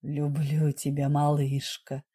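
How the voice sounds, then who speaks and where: A woman voicing a passionate, devoted adult man who speaks insistently and tenderly in a husky low murmur, for an audiobook romance. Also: expressive, slow pace, darkish tone, full character voice. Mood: hoarse whisper.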